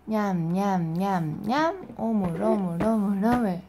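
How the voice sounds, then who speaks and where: A woman's voice: mid-range voice, lively intonation, slow, heavy background noise. Sing-song woman cooing baby talk. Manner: soft sing-song coaxing with repeated chewing sounds. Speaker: mother feeding her baby. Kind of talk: baby talk while spoon-feeding. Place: home, at the baby's feeding chair.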